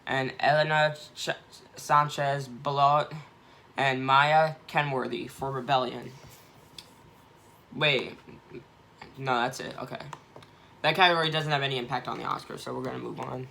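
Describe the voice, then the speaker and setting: A man's voice: medium pitch, fairly even intonation, measured pace, gravelly, pauses often, sharp tone, slight background noise. A young man hosting a casual vlog, giving rambling, self-correcting opinions on award nominations. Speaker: film awards vlogger.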